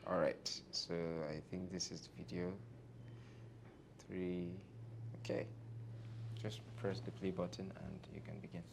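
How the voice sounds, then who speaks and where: A man's voice: level tone, a little slow, creaky. A man hosting a casual interview as the interviewer, often chiming in with short affirmations. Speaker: interviewer and host. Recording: rumbly background noise.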